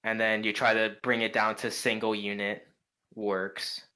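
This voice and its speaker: A young man running a tabletop game, his voice bright and lowish. He narrates in a flat, even tone, wandering through his descriptions with plenty of "like" and "kinda". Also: unhurried, poor audio. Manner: meandering description full of "like" and "kinda". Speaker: game master.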